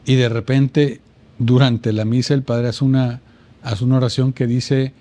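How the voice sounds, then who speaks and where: Animated man telling a personal story. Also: medium pitch, unhurried. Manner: animated storytelling with repeated words. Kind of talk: casual chat.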